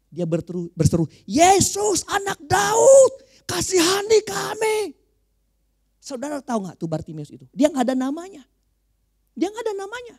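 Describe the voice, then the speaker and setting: A male pastor from Manado preaching a Pentecostal sermon. He swings from low, quiet phrases to loud shouting, with frequent hallelujahs. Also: dry recording, clean studio sound. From Manado, Indonesia.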